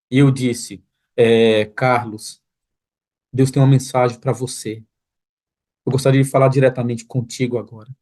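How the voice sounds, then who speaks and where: A pastor with a mid-range, somewhat dark voice tells a story as a sermon testimony from an online church broadcast room. His earnest feeling builds until it reaches pleading intensity.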